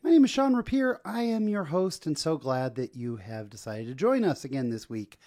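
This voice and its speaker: A man's voice: a little high, sing-song, normal speed, darkish tone. A man hosting a podcast interview in a studio, chatty and enthusiastic, with plenty of fillers. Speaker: podcast host.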